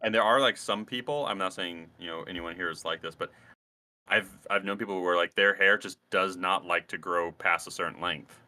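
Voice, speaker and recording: A man's voice: sits low, normal speed, bright, forceful tone, no echo. A man co-hosting a podcast, rambling through casual banter with crude jokes. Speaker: podcast co-host.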